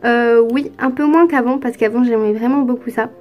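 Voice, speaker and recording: A woman's voice: fairly high pitch, fairly even intonation, moderate pace, a little mellow, soft background music. A teenage girl from France answering viewer questions in a casual vlog, chatty and hesitant with lots of fillers. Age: teens. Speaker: youtuber.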